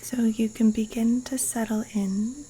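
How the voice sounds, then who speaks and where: A woman's voice, on the high side and steady in tone, guides a yoga nidra meditation out in a Costa Rican jungle. She keeps it hushed, breathy and calming, leaving long pauses. Rainforest insects, crickets and wildlife hum faintly through the low-quality recording.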